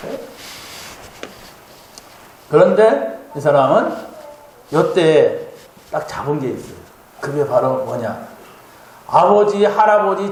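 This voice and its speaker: A male pastor preaching a sermon in a church, talking conversationally and keeping up a stream of questions to the congregation. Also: fairly high pitch. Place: church sanctuary. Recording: heavy church-hall echo, faint hum.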